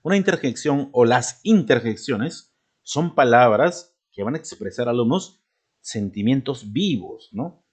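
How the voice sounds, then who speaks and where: A man's voice: medium pitch, expressive, a little slow, slightly rough. A man teaching a spelling lesson to students, checking often whether they follow. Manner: addresses students, checks with frequent "¿de acuerdo?" and "¿no?".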